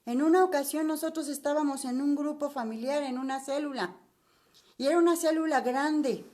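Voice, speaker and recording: High-voiced older Mexican woman teaching Bible. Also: normal speed, dark tone. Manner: chatty, addresses listener with rhetorical questions. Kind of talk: Bible study lesson.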